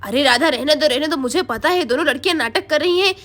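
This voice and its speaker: A woman voicing a stern mother who shouts and scolds her sleeping daughters. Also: sits high, fast, pitched below the performer's own voice.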